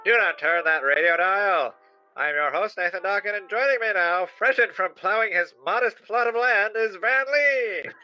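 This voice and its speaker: A man's voice: sits high, normal speed, bright, forceful tone, soft background music, rough recording. A man playing a folksy 1920s radio host on a comedic parody, with a hokey announcer cadence. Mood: jovial.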